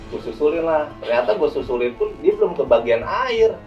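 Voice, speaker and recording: A man's voice: fairly high pitch, big pitch swings, a little fast, lo-fi sound. A young man casually telling a hiking story as a guest, rambling and repeating words, often calling the listener "Bang". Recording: distant mic with music behind.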